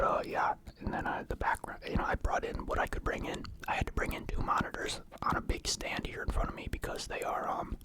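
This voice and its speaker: A young man whispering in a casual, halting, rambling ASMR style, close to the microphone. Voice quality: whispered, unvoiced. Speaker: ASMR mukbang creator. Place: indoor room at home.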